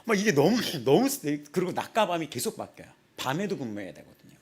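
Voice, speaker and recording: A young man in his twenties preaching a casual sermon in a small church, telling personal stories with lively acted-out quotes and frequent laughter. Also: fairly high pitch, quick pace, breathy edge. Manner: animated storytelling, acts out quotes, laughs often. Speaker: pastor.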